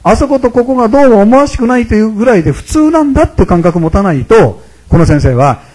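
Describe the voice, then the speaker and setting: Older guy in his 60s, temple priest, chatty joking sermon, talks fast, kept kinda quiet, bit husky. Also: high voice, lively intonation. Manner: chatty and humorous, often addressing the audience directly. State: speaking quietly, holding his voice down. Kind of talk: conversational sermon to a congregation.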